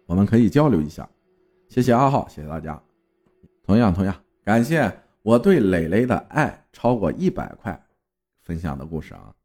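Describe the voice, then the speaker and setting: Expressive male host with a lively low voice. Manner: lively, expressive reading that turns relaxed and chatty. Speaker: podcast host. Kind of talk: storytelling narration and ad read.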